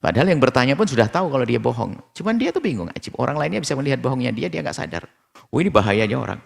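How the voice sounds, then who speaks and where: A man preaching a sermon, quoting Arabic sayings and translating them, acting out little scenes in a lively storytelling manner. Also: very fast, creaky. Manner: animated storytelling, acts out characters with sharp pitch jumps; quotes Arabic hadith then translates. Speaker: Islamic preacher. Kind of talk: sermon with acted-out anecdotes.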